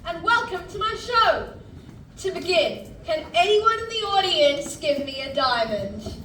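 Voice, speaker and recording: A woman's voice: very high voice, lively intonation, unhurried, a bit bright, a little hiss or hum, heavily acted. A woman playing a showy French male scientist in a stage musical, speaking in a grand, formal, declamatory way. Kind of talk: stage musical acting, theatrical presentation. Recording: distant, echoey stage recording with music.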